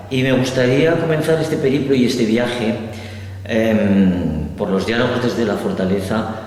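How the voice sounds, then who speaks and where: A man hosting an interview, opening with a measured, formal introduction before his first question. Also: lowish voice, darkish tone, roomy sound, a little hiss or hum. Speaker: interviewer and host. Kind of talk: scripted introduction then interview.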